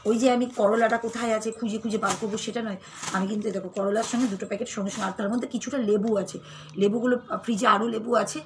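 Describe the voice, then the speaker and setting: Cooking in her home kitchen amid a noisy background, a Bengali-accented woman talks directly to her viewers in a fairly high, steady voice at a rapid-fire pace. Now and then she uses baby talk with a child.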